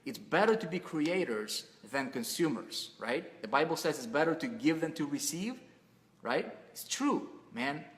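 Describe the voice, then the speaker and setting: A man's voice: fairly high pitch, very animated, a little slow. A man hosts a webinar in an easygoing, rambling pep-talk manner. He restarts his sentences and leans on fillers as he urges listeners on, and his voice trails off into a long reverb, as if he is talking in a big, hard room. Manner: casual, repetitive, with frequent fillers and restarts. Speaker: webinar host.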